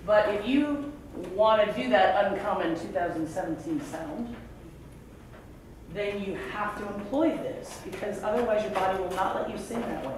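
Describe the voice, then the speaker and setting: A woman's voice: mid-range voice, moderate pace. A woman coaching singers in rehearsal, talking in a chatty, emphatic way and demonstrating as she goes. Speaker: vocal coach. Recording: echoey room, far mic, background noise.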